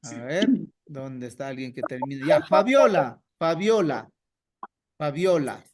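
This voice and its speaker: A male teacher leads an online class at an unhurried pace, letting his pitch rise and fall freely as he explains. He questions students one by one and repeats answers slowly so they can follow. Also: expressive, crowd noise. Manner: patient, questions students by name. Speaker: language teacher.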